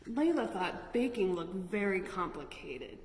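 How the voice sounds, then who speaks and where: With big swings in her medium-pitched voice and an unhurried delivery, a woman hosts a children's storytime. She reads picture books expressively and adds chatty, exclamatory asides for her listeners, in an echoey, reverberant room with noticeable noise.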